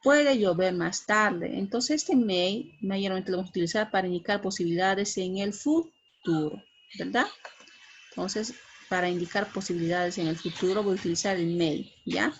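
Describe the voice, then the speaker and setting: A woman's voice: mid-range voice, moderate pace, husky, lo-fi sound. A middle-aged woman giving an English grammar lesson, explaining patiently and checking in with frequent tag questions. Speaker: English teacher.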